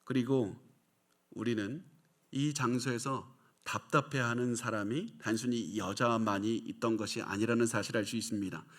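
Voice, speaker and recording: A man's voice: medium pitch, fairly even intonation, brisk, a bit bright. A male pastor delivering a sermon with an emphatic, repetitive preaching cadence. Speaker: senior pastor.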